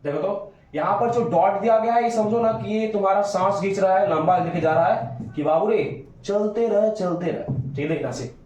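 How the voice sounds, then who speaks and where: A man's voice: high-pitched, normal speed, hardly any pauses, darkish tone. A male teacher giving a grammar lesson, stretching vowel sounds out to demonstrate them and coaxing his students with questions. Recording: very echoey room.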